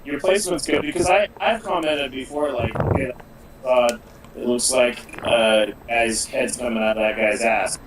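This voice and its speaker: A man's voice: medium pitch, moderate pace, echoey room, crowd noise, poor audio. A man co-hosting a live drawing stream, chatting casually and hesitating often with fillers. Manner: hesitant, lots of ums and uhs. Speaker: comic artist co-host. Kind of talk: casual chat on a livestream.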